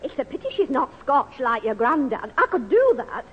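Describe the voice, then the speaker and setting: A woman playing a good-natured, excitable aunt in a 1960s radio comedy, theatrical in manner. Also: high-pitched, moderate pace, breathy edge, exaggerated voice. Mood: flustered, game. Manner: theatrical, animated. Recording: dull old radio recording with hiss.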